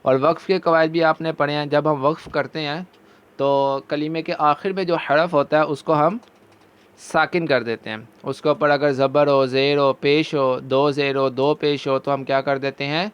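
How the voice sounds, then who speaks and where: A man with a Pakistani Urdu accent teaching Quran recitation, chanting verses slowly and drawn out between brisk explanations. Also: on the high side, flat delivery, clear, resonant tone, muffled recording. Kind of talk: recitation lesson.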